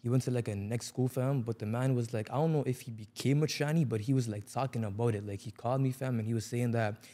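A man's voice: mid-range voice, steady tone, fast talker, hardly any pauses, warm tone. A young man with an urban Toronto accent chatting casually in heavy slang, repeating himself for emphasis. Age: young adult. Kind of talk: casual chat.

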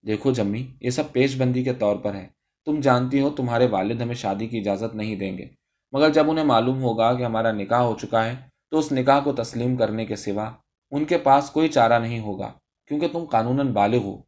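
Man voicing a young lover, soft, reassuring, persuasive, slightly higher voice, muffled recording. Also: natural voice. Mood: tender.

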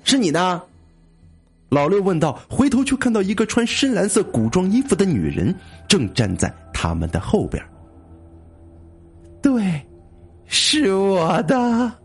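Husky, lively male storyteller. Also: sits high, a little fast, hardly any pauses, soft background music. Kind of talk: comic ghost story narration.

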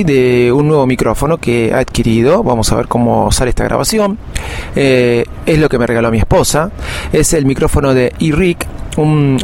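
A man's voice: mid-range voice, a little mellow, a little hiss or hum. A middle-aged man with an Argentine accent hosting a podcast in a casual, rambling monologue full of anecdote. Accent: Argentine Spanish. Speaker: podcast host.

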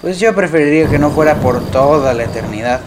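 Un hombre con acento mexicano que da voz a un padre esqueleto fantasma, quejumbroso y exasperado. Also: male voice, a little high, animated, fairly quick, background noise, lightly acted. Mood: soothing. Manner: exasperated, soothing, groaning. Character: fussy skeleton family father, ghost.

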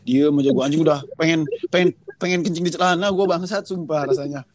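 The recording is dry as a high-voiced young man, talking at a quick pace, shares an embarrassing childhood tale in casual conversation. His telling is animated and self-deprecating, and he swears nonstop.

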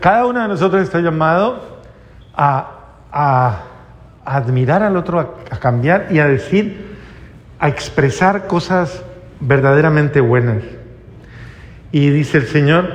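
A man preaching a sermon emphatically, swinging between loud and hushed delivery. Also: fairly high pitch. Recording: dull audio with long hall reverb.

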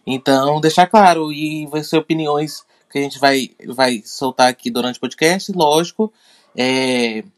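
A Brazilian man co-hosting a podcast in casual chat, often halting and repeating words as he explains. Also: fairly high pitch. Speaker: podcast co-host.

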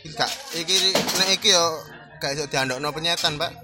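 Brief: young man, rowdy co-host banter, slightly high voice, music underneath. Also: a little fast. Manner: joking, rowdy, laughs often. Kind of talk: casual banter over social media posts. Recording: music playing behind.

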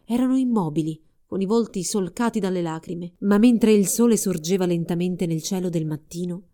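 A woman reading a fairy tale aloud in a calm, expressive storybook narration. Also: fairly low pitch, moderate pace.

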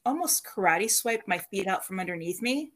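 A woman's voice: mid-range voice, lively intonation, moderate pace. A woman guest on a podcast, casually telling stories about her paranormal work and laughing often between sentences. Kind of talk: casual storytelling interview.

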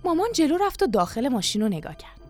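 A woman narrating a storybook audiobook in a calm, measured reading manner. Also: sits high. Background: faint music.

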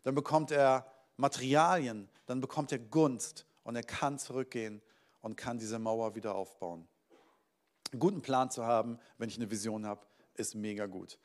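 A pastor preaching a sermon to his church. This man speaks with energy, pushing some points out loudly and dropping others to a near murmur. His voice sits at an ordinary middle pitch. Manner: energetic, swings between loud emphasis and quiet asides.

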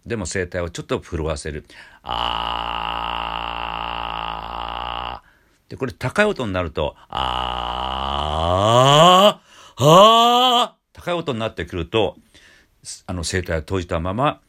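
An older Japanese man teaching a singing lesson, explaining calmly with many fillers and small restarts. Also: sits low, fairly quick. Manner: explains calmly, breaking off to demonstrate sounds. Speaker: voice trainer. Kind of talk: vocal lesson with demonstrations.

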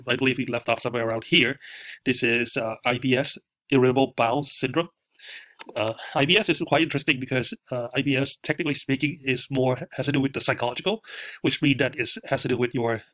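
A male instructor talks through a recorded lecture, his voice nasal and stuffy from a cold. He pauses often, with many fillers. The sound is dry and close. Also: medium pitch, fairly bright tone, no room sound.

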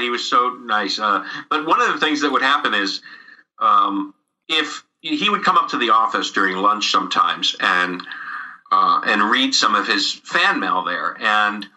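A man's voice: mid-range voice, bright, forceful tone, poor audio. A middle-aged man casually telling a behind-the-scenes story as a guest, chuckling often and restarting his sentences.

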